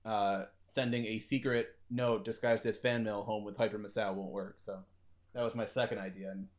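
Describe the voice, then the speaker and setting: A man's voice: fairly low pitch, little pitch movement, moderate pace. A man co-hosting a casual podcast, joking and rambling with fillers as he watches wrestling. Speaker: podcast co-host. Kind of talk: casual chat over a watch-along.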